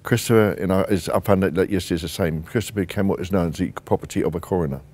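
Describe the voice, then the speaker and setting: A man's voice: sits low, very fast, darkish tone. A man with a London accent, a bereaved father, giving a blunt, heartfelt personal account in an interview. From Britain. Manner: blunt, plain-spoken, heartfelt. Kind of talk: emotional personal testimony.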